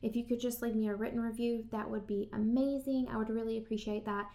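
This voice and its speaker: A woman's voice: a little high, level tone, fast talker, dark tone. A woman with a Southern accent, hosting a podcast and talking straight to her listeners in a casual, chatty way. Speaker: podcast host.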